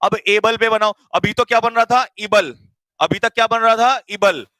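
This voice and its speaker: Guy teacher, high voice, bright and punchy, teasing his class, dry close mic. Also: no room sound, rough recording. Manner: teasing, energetic, quizzes students rapid-fire. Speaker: English grammar teacher. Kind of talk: live online class teaching.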